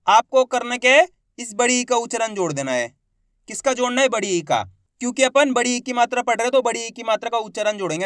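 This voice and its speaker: Upbeat male teacher with a high pitch and a crisp, smooth tone. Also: fairly bright tone, no room sound, clean studio sound. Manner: enthusiastic, repetitive, asks the viewer questions. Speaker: Hindi reading teacher. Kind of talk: online classroom lesson.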